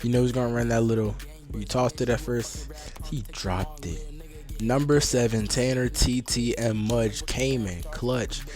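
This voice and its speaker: A man's voice: mid-range voice, a little slow. Young guy hyped up watching his old football film, slangy, keeps saying bro, faint music underneath. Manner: slangy and excitable. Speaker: vlogger. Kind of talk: casual commentary on old game footage.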